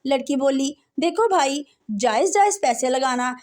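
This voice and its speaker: A woman's voice: high voice, animated, measured pace, darkish tone. A woman reading out a string of short jokes, with a laugh track between punchlines. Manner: punchlines followed by canned laughter. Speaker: joke teller.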